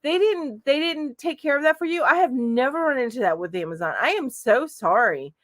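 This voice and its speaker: A woman's voice: high voice, lively intonation, a little fast, fairly bright tone, no room sound, clean studio sound. A middle-aged woman hosting a live chat stream from home, casually reading out viewer comments and responding with lots of fillers. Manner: chatty, reads comments aloud with frequent fillers. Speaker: crochet channel host.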